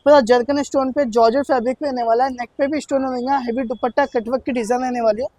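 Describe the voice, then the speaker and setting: A man's voice: extremely high pitch, steady tone, fast talker, warm tone, no room sound. A man selling in an eager teleshopping style, insistent and repetitive, pushing his sale offers as a shop seller.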